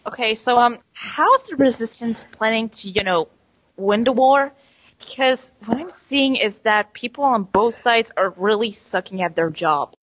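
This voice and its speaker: A woman's voice: fairly high pitch, expressive, measured pace, fairly bright tone, dry recording, muffled recording. A woman asking questions in a casual comic mock interview, wry and a little exasperated. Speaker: panel interviewer.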